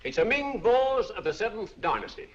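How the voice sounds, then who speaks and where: A smooth-talking auctioneer who works the room with a showy patter, his voice high and bouncing up and down. The sound is dull, like an old film soundtrack. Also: big pitch swings, moderate pace. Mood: persuasive.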